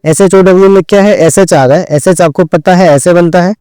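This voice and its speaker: A man's voice: high-pitched, brisk, dark tone, clear, resonant tone, no echo, poor audio. A man teaching an online shorthand lesson, explaining each step and repeating "theek hai" after every point as he addresses his students directly. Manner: drills points over and over.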